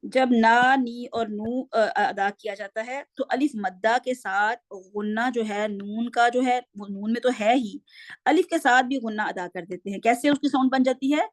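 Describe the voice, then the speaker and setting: A woman's voice: a little high, no echo. A woman teaching a Quran reading class online, patiently correcting her students step by step and speaking into a computer mic on a video call.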